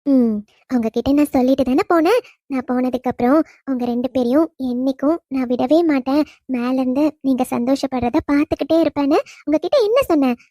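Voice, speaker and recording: A woman voicing the gentle, teasing spirit of a young wife in a cartoon, talking with affection to her husband. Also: sits high, brisk, no room sound, clean studio sound. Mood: tender teasing. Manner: affectionate teasing, soft laughs. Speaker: dead wife visiting husband. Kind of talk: cartoon voice acting.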